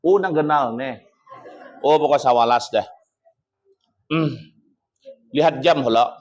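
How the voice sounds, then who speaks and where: A man preaching with a Banjar Malay accent, telling humorous stories at a mosque gathering and acting out the people who come to him for help in high, pleading voices. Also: slow. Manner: lively storytelling, mimics callers in high pleading tones. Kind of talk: humorous sermon with acted anecdotes.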